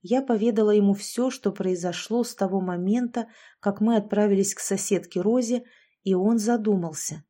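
A woman narrating an audiobook in the first person, calmly and evenly. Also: mid-range voice, moderate pace.

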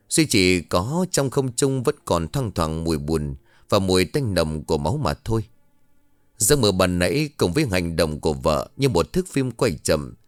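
A man's voice: low-pitched, dry recording. A man narrating a horror ghost story in a dramatic, suspenseful way. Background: faint music.

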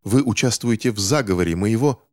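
Reading an audiobook, a man voices a young boy who is angry and distrustful of adults, speaking in a heated, accusing way. His natural voice is fairly low and darkish, yet the brisk character voice sits above his own pitch. The recording is dry and studio quality.

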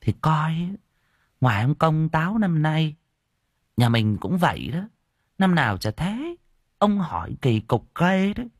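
A man voicing an elderly country wife who is loving and fretful, shrill and quick to wail. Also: sing-song, husky, dry recording, clean studio sound, exaggerated voice. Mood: teasing. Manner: shrill, rising to wailing cries.

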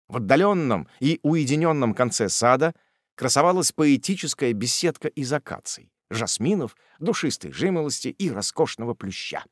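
A man narrating a classic novel as an audiobook reader, in an expressive, measured storytelling manner. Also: mid-range voice, no room sound, studio quality.

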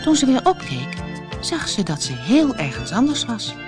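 Expressive woman reading a fairy tale. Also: mid-range voice, normal speed, over music. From Netherlands. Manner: expressive, storybook narration. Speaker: storyteller.

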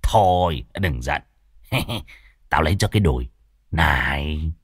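A man voicing a tipsy old ghost-hunting master who grumbles in a low, mumbling way. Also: expressive, takes it slowly, husky, no room sound, studio quality, heavily acted. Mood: gruff tipsy.

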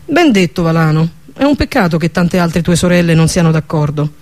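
A man reading the part of a bossy, sharp-tongued female sea dweller in an audiobook, with a mocking, commanding manner. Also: on the high side, a little fast, natural voice.

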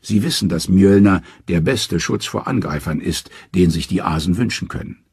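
A man narrating a myth for an audiobook in a dramatic, expressive way. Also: low-pitched, normal speed, breathy edge, no room sound, studio quality. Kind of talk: scripted storybook narration.

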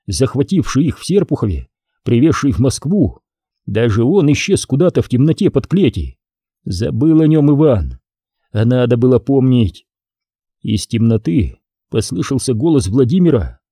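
A man narrating a historical novel as an audiobook, reading it in a dramatic, expressive way. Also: medium pitch, breathy edge, dry recording, studio quality. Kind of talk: scripted narration.

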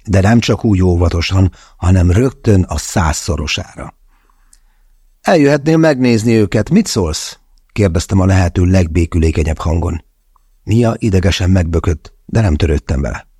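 A male audiobook narrator with a low, husky voice tells the story in first person, wry and confessional. The tone is dark and mellow, with no breathiness lost to the room. It is recorded dry and close. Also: no room sound.

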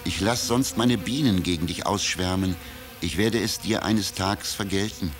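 A man's voice: low voice, normal speed, natural voice. A man voicing a small but firm bee queen who gives warnings, as part of a storybook narration. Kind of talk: storybook character voice within narration.

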